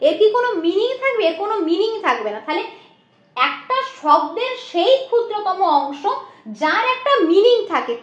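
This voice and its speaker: A woman's voice: very high voice, fairly bright tone, dull audio. A woman teaching an exam-prep lesson, explaining step by step and answering her own questions, often slipping in English terms. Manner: mixes in English terms and phrases. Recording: echoey room.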